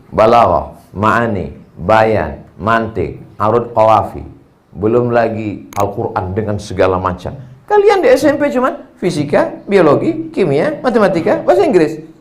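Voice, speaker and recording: A man preaching a humorous sermon to students, animated and jokey, reciting word lists in sing-song runs. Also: medium pitch.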